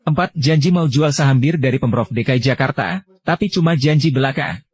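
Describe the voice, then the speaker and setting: A man's voice: mid-range voice, brisk. A man reading out a numbered list in a narration style.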